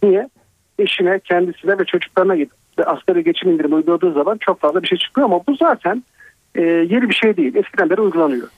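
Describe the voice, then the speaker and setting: A man heard over a tinny phone line explains tax rules to a radio host. He speaks in a measured, step-by-step way and works through number examples. The line sounds dry and narrow. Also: sits high, husky, dry recording. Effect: over a telephone line. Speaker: financial advisor guest.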